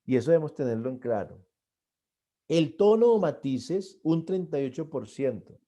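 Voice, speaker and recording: A middle-aged man giving a church arts lesson on stage performance, earnest, often repeating and restarting his words and pushing key points louder. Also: fairly high pitch, animated, normal speed. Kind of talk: classroom lecture on stage performance.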